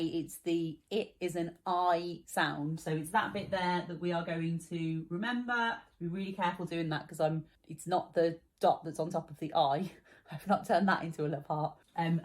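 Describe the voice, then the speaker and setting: A woman's voice: fairly low pitch, darkish tone. A young woman teaching a children's spelling lesson, patient and encouraging, explaining each word step by step.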